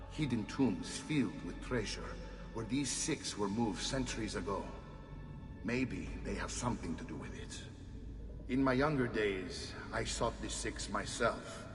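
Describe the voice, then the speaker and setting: A solemn older keeper of a hidden sanctuary, as a man plays him in a video game, with a lowish voice. He sounds set back from the mic in a roomy space with a long reverb. Game music plays behind him. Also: far from the mic, close to an everyday voice. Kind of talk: video game cutscene dialogue.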